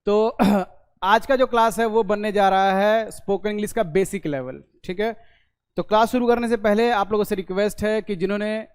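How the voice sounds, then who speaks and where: A man teaching a basic language class in a video lesson. He explains slowly, drawing out sounds and checking in after each point. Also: high-pitched, clear, resonant tone. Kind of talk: online class lecture. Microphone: recorded for a video lesson.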